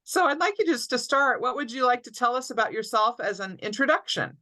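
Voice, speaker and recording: A woman hosting an online alumni webinar, reading an orderly, clear introduction over a video call. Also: fairly high pitch, brisk, pushed and bright, rough recording. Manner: clear, orderly housekeeping announcements. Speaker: alumni director, interview host. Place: home or office, online webinar.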